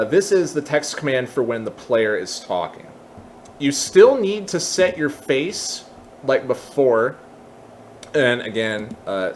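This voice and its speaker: A tutorial presenter with a mid-pitched voice explains software casually, working things out aloud without a script. Faint noise sits behind his voice.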